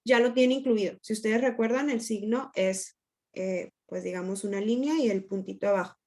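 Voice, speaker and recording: A woman's voice: medium pitch, moderate pace, darkish tone. A woman teaching an online grammar lesson, explaining patiently and checking in with students often.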